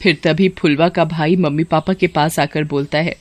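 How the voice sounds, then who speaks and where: A woman narrating a children's story in a clear, even storytelling voice. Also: sits low, normal speed, no echo.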